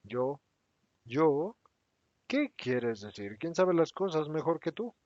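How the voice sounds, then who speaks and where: A man's voice: a little high, sing-song, slow, darkish tone, dry recording, pitched above the performer's own voice. A man voicing Judas, a resentful and defensive adult apostle who protests in a raised, agitated voice. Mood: indignant. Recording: dry, slightly dull recording.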